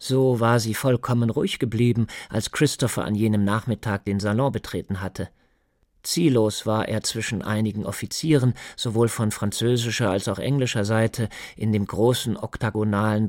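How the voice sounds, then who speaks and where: A man narrating a radio play in a measured, literary way. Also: on the low side, darkish tone, dry recording, clean studio sound.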